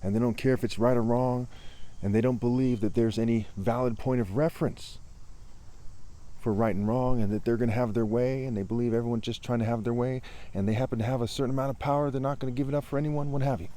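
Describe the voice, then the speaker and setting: A man's voice: mid-range voice, fairly even intonation, quick pace, warm tone. A man telling an improvised parable in an earnest, rambling way, his voice rising and turning heated. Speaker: storyteller.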